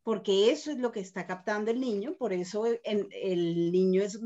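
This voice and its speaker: A woman's voice: mid-range voice, normal speed, mellow. A woman speaks reflectively in a casual discussion, often restarting her sentences as she works through a thought. The recording is dull and lo-fi. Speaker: mother. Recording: dull lo-fi sound.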